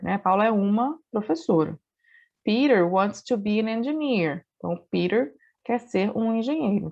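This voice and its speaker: A woman's voice: medium pitch, gravelly, darkish tone. A woman teacher explaining English grammar in a patient, step-by-step way, often checking in with the class. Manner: patient explaining with frequent "né?" and "então". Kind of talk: recorded online class. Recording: dull lo-fi recording.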